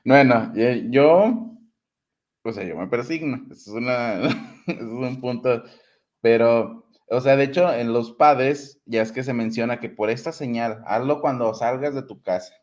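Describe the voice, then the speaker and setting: A man's voice: medium pitch, unhurried, darkish tone. A man in a casual theology conversation, explaining points at length and repeating himself for emphasis.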